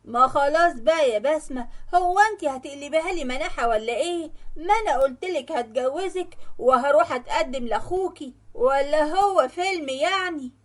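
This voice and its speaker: A man's voice: very high voice, fairly quick. A woman with an Egyptian accent voicing a pushy, evasive young man who talks insistently and dismissively. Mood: harsh. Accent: Egyptian Arabic.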